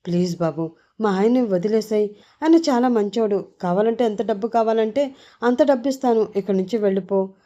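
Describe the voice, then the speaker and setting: A woman voicing a frantic middle-aged wife who shouts and begs for her husband. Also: fairly quick, dull audio, natural voice. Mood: begging. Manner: shrill, shouting, begging.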